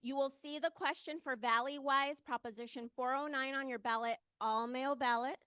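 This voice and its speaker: Female campaigner, high forceful voice, urgent and direct public appeal. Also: steady tone, moderate pace, smooth, no room sound, clean studio sound. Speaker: ballot measure campaigner. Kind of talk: short public advocacy speech.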